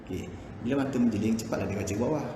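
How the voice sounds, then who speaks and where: A man with a Malaysian Malay accent teaching Quran recitation, patiently explaining tajwid rules and chanting verses slowly to demonstrate. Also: on the low side. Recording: echoey room with background noise.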